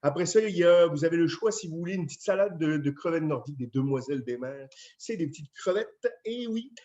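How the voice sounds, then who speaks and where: A man with a French accent, a chef talking casually and warmly to residents, with many fillers. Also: a little high, lively intonation, fairly quick. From France. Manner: chatty, friendly, with many fillers. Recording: dull lo-fi video sound.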